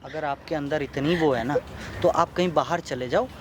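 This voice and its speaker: A woman's voice: sits low, moderate pace, a little mellow, slight background noise. A woman in a family drama, stern and lecturing. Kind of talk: scripted family drama acting.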